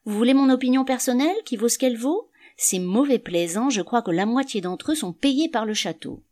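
A woman's voice: on the high side, expressive, a little fast, mellow, pitched above the performer's own voice, lightly acted. A woman reading an audiobook, voicing a grumbling, scornful middle-aged male canvasser with an indignant, sneering manner.

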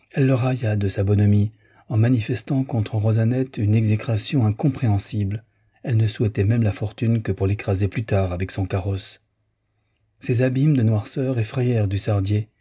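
A man reads a literary audiobook in a measured, even way. His voice is low, very dark and mellow, with a husky edge. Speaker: audiobook reader.

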